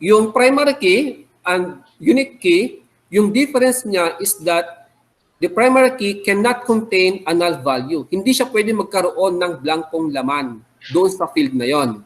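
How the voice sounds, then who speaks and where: High-voiced Filipino man teaching online. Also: lively intonation, low-quality recording. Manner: explains slowly, repeats key terms, frequent "okay?" checks. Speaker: webinar instructor. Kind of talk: online lecture.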